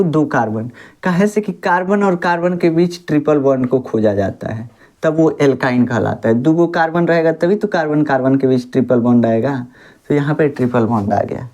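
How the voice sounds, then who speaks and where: A woman's voice: on the low side, a little mellow. A woman teaches a school chemistry lesson. She talks to her students like family and calls them babu. She keeps asking the class questions and answering them herself. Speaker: science teacher.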